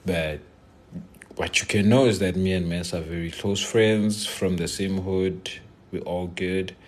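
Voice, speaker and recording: A young South African man from Limpopo answers viewers on a casual live stream, speaking in a low, steady voice at a measured pace. He jokes around and mixes English with Zulu slang.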